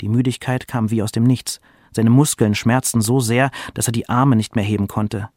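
A man reading a literary excerpt aloud in a measured, expressive way. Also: medium pitch, no echo, studio quality. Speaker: reader.

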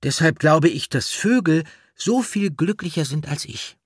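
A man's voice: a little high, animated, a little slow, breathy edge, dry recording, clean studio sound, voice pushed up. A man doing an earnest, wistful rabbit. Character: sad thoughtful male rabbit, earnest.

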